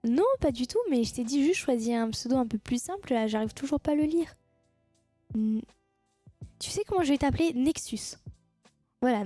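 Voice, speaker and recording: A woman's voice: high voice, mellow, no room sound. A woman chatting casually with her viewers on a live stream, teasing them and laughing at her own jokes.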